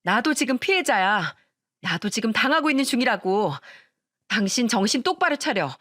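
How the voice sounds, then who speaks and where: A woman voicing a scheming two-faced young wife who talks slowly with sugary fake concern that turns cold and defiant. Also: fairly high pitch, very animated, fairly bright tone, dry recording, clean studio sound.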